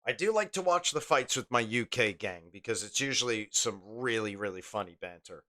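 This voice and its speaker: A man's voice: fairly low pitch, lively intonation, normal speed, sharp tone. A man streaming live, chatting casually while calling the game in rambling, play-by-play asides. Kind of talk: casual live gameplay commentary.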